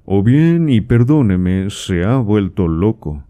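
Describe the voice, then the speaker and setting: A man reading aloud and voicing a proud, reserved young gentleman who answers his father formally and dryly. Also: fairly low pitch, very animated, takes it slowly. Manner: dry, formal replies.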